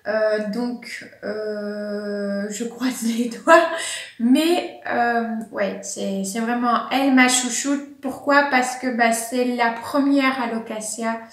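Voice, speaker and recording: A woman's voice: a little high, fairly even intonation, slow. Chatty woman vlogger in an echoey room. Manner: chatty, many fillers and laughs. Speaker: plant vlogger. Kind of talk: casual chat to camera. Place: at home.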